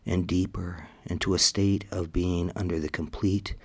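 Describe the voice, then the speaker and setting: A man's voice: deep voice, steady tone, normal speed, husky. A man leading a scripted hypnosis session in a commanding, hypnotic manner, slipping into whispers at times.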